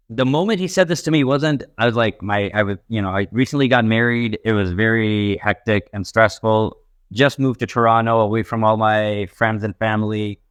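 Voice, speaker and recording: With a lowish, clean voice and no echo, a young stand-up comic from Pakistan chats casually as a podcast guest. His talk rambles and is full of fillers.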